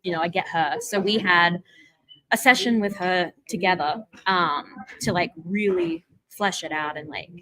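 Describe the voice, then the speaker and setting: A woman's voice: on the low side, measured pace, pushed and bright, rough recording. A young woman with an Australian accent, a filmmaker and voiceover actor, chatting casually in an interview with many fillers. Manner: chatty, lots of fillers and laughs.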